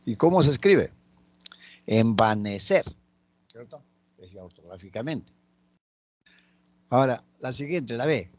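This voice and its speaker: Male teacher, patient and methodical, mid-pitched, dull lo-fi recording. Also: big pitch swings, husky, dry recording. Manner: slow, patient, spelling out example words. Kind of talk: spoken grammar lesson.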